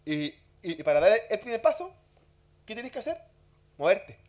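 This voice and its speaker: A man's voice: sits high, big pitch swings, moderate pace, a little mellow. A man teaching a church Bible class in a conversational way, asking rhetorical questions and often repeating words as he goes.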